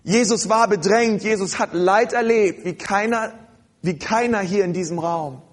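Prediger mit hoher Stimme. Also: male voice, high voice. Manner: preaching with slow, drawn-out emphasis and acted quotes. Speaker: pastor. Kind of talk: sermon.

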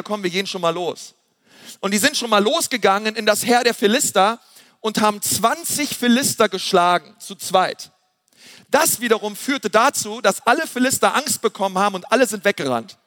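High-voiced man preaching in a hall. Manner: energetic, repeats refrains, colloquial slang. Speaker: pastor. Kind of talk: sermon. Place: church hall.

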